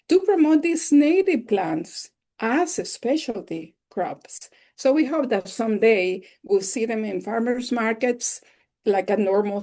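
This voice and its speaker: Slow, gravelly woman. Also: mid-range voice, dark tone. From El Salvador. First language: Spanish. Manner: enthusiastic, explanatory. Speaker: webinar instructor. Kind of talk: slide-based webinar lecture.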